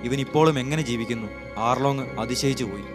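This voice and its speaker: A man narrating an anime episode recap as a scripted story, in a steady storytelling read on a close voice-over mic. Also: medium pitch, fast talker. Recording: voice-over with clear music behind.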